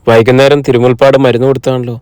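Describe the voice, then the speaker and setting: A gentle, quietly worried young wife in an audiobook who answers softly, read by a man narrator. The tone is smooth and clear. The sound is dry and close. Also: medium pitch, level tone, rapid-fire, no room sound, lightly acted. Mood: subdued. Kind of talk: audiobook character reading.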